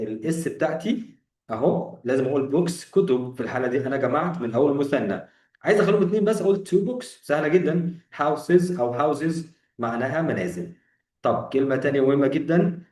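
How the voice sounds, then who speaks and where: A man's voice: a little high, a little mellow, roomy sound, recorded from a distance. Egyptian man teaching English grammar. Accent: Egyptian Arabic. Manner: explains in Egyptian Arabic, mixes in English terms, asks and answers his own questions. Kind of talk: beginner grammar lesson.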